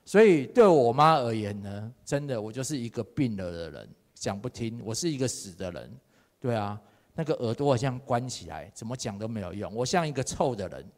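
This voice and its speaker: A man preaching a sermon. He reads scripture and gives his own testimony, swinging from soft to loud and slipping into Hokkien phrases. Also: medium pitch, big pitch swings, a little fast. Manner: mixes Taiwanese Hokkien phrases into Mandarin. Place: church hall. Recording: long hall reverb.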